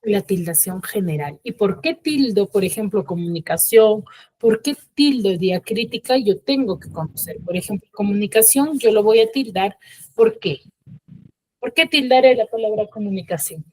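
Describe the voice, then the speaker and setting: A woman's voice: medium pitch, animated, moderate pace, a little mellow. Woman, teacher, online class, video call, explains step by step, checks in with her students often.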